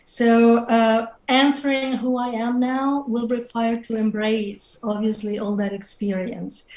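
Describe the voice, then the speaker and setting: Woman with a Mexican Spanish accent, fairly high voice, middle-aged, thoughtful panel talk, video call in an echoey room. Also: level tone, unhurried, a little mellow. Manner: thoughtful, searching for words. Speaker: panelist writer. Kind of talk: reflective panel conversation. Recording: roomy video-call audio.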